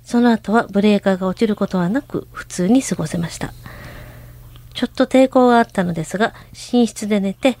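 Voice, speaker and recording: A woman's voice: medium pitch, a little fast, warm tone. A woman co-hosting a radio show, reading a listener's letter aloud.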